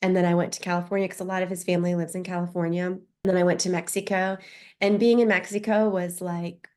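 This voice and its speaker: This woman, in her thirties or forties, speaks fast in a lowish, slightly mellow voice with little pitch movement. She's a podcast guest from the United States whose first language is Spanish, telling her life story in an interview openly and reflectively, often restarting.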